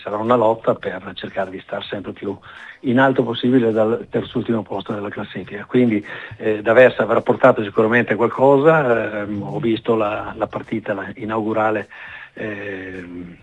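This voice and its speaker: A man heard as a radio show caller over a tinny phone line. His voice sits low, and he speaks in a measured, halting way with many pauses. He comments on football as an experienced coach. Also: fairly even intonation, breathy edge. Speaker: football coach calling in as a guest.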